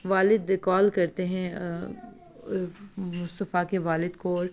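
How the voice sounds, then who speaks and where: A woman's voice: on the low side, flat delivery, darkish tone, slight background noise. A woman retelling a TV drama episode in a loose, unscripted voice-over, with frequent hesitations as she goes. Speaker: drama reviewer.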